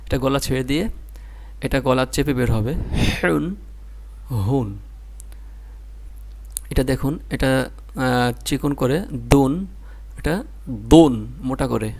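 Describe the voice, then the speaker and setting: A man with a Bangladeshi Bengali accent teaches Quran reading in a medium-pitched voice with fairly even intonation, normal speed and long pauses. He gives a slow spelling-out lesson, drilling syllables one by one and explaining patiently.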